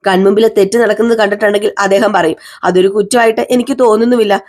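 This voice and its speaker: A woman's voice: mid-range voice, steady tone, quick pace, a little mellow, natural voice. A woman voicing a loyal young wife defending her husband firmly in a serial recap.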